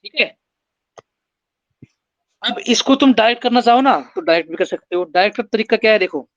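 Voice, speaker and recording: High-voiced male maths teacher, muffled. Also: animated, fairly quick, fairly bright tone, no room sound. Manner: explains step by step, asks students rhetorical questions. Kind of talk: exam-prep maths lesson.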